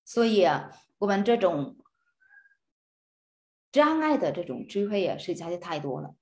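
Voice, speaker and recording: A woman's voice: on the low side, big pitch swings, measured pace, darkish tone. A woman giving a casual Buddhist study lesson, repeating words and restarting, often asking her listeners rhetorical questions. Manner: hesitant, repeats words and restarts, frequent fillers, chuckles. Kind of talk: casual spoken Dharma lesson.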